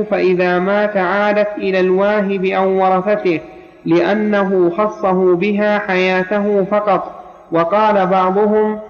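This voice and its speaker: A man reading a classical text aloud in a study circle, at a measured pace, going back over lines when corrected. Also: high-pitched. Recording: dull lo-fi recording with long reverb.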